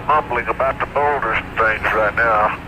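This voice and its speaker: A man speaking over a radio transmission from a spacecraft, calling mission control in calm, clipped radio procedure and repeating call signs. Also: on the low side, moderate pace. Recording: noisy archival space radio.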